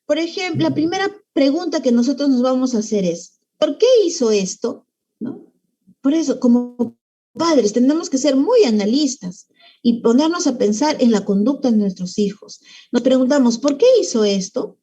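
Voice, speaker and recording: A woman's voice: sits high, expressive, moderate pace, dark tone, slightly rough, highs cut off. A woman leading a parenting workshop. She explains patiently and keeps checking in with her listeners through tag questions. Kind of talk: parenting talk.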